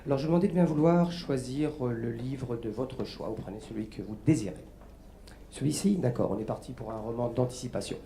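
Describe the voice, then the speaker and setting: A male mentalist doing a live mind-reading act on a festival radio show. He speaks in a mellow, patient voice, coaxing a volunteer and spelling out letters. A faint hum of ambience runs behind him. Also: mid-range voice, brisk, vocal fry. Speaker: stage mentalist guest.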